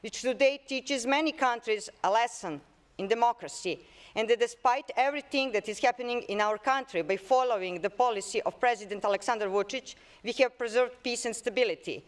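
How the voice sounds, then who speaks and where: A woman's voice: on the high side, a little fast. Woman, Serbian accent, parliamentarian, formal prepared speech, occasional restarts.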